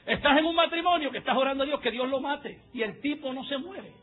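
A man preaching a sermon as pastor, fiery and mocking, swinging up into shouts. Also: extremely high pitch, fast talker, narrow, tinny audio. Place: church service.

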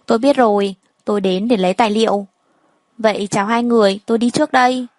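A polite, confident young company director, read by a woman narrator in a storybook. He talks briskly and courteously. The voice sits fairly high and the sound is dry and close. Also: steady tone, a little mellow, no echo, lightly acted.

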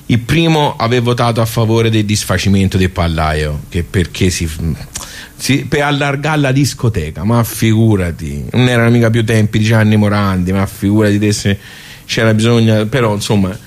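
A male actor voices a chatty Tuscan regular of the local social club in a theatrical radio monologue, speaking Tuscan-accented Italian in a low, natural voice at a moderate pace. Rueful and indignant, and wry as well, he rambles in homely colloquial speech, asking himself questions and then answering them.

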